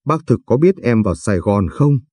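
A man's voice: on the low side, animated, brisk, mellow, no room sound. Man reading as an eager, fretful young man. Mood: anxious, eager. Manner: earnest, worried and protective.

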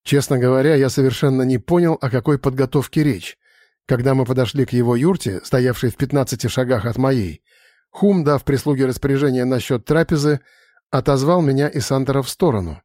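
Male audiobook narrator, mid-pitched, even storytelling, dry studio sound. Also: brisk, dry recording. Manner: steady, conversational storytelling. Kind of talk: first-person fantasy audiobook narration.

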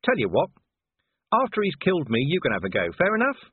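A man's voice: fairly high pitch, wildly swooping pitch, fairly quick, husky, no room sound, voice pushed up, heavily acted. A man voicing a dry, weary, tough male police commander in an audiobook reading, with a clipped sardonic delivery. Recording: tinny phone-like audio.

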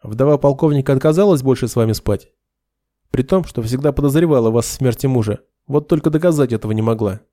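A man's voice: mid-range voice, quick pace, dark tone, no room sound, natural voice. A man voicing a cool, blunt young sergeant who speaks in a cold, accusing way.

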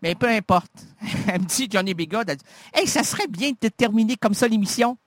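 A man's voice: high voice, animated, a little fast, slight background noise. A man with a Québécois French accent, hosting a radio show with a rambling, absurd comic monologue full of stammered restarts. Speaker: radio host. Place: radio studio.

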